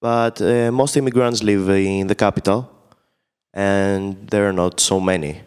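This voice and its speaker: Deep-voiced man, plain short answers. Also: steady tone, unhurried, darkish tone, clear, resonant tone. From Greece. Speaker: podcast guest. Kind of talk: casual discussion answers. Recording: reverberant room.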